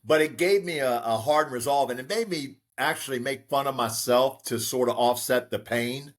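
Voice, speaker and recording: This US real estate broker in his sixties recounts his life as an interview guest, speaking at a normal pace in a mid-range voice. He sounds steady and thoughtful and uses lots of filler words.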